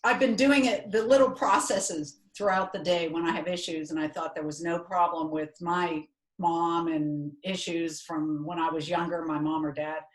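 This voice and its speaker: A woman taking part in a workshop, sharing a comment in a reflective way with frequent pauses. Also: on the low side, steady tone. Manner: reflective, pausing often. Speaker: workshop participant. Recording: echoey room.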